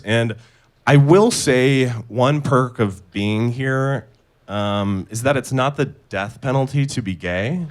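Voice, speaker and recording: A young man from Indonesia performing a stand-up comedy set, delivering absurd punchlines in a deadpan way on a club stage. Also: mid-range voice. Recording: live club set with clear audience noise.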